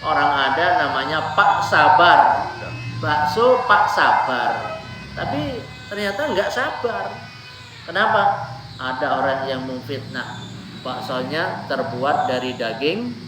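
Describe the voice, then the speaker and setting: A man preaching a lively, joking sermon to a congregation, weaving in Arabic quotations. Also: medium pitch, slow pace. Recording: echoey room, ambient noise.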